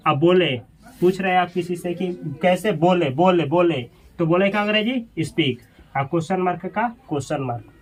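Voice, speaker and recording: A man's voice: high-pitched, normal speed. Man teaching English grammar. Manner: asks questions and repeats answers. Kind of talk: classroom grammar lesson.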